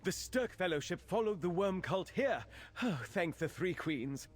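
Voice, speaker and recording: An actor voices a quest-giving non-player character in scripted fantasy game dialogue: an earnest islander watchman who gives formal briefings to newcomers and rallies help against a cult. His delivery is formal and expository, in a high-pitched, expressive, slightly slow voice. The recording is dry.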